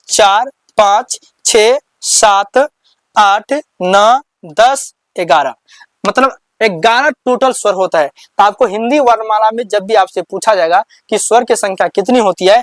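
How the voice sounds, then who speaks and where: In a slow classroom-style explanation, a high-voiced man who teaches Hindi covers the alphabet, answering his own question of "what will we read?" He repeats questions back to his students and counts slowly. The sound is close and dry, with no room echo at all.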